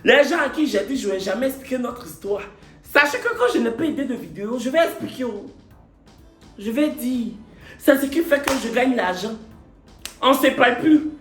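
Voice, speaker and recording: A man's voice: very high-pitched, lively intonation, moderate pace, a bit bright, roomy sound, faint music behind. A man telling his own love story to camera, a little tipsy late at night, theatrical and repetitive, playing with words. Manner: theatrical, repetitive, playful wordplay. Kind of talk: comic confessional vlog.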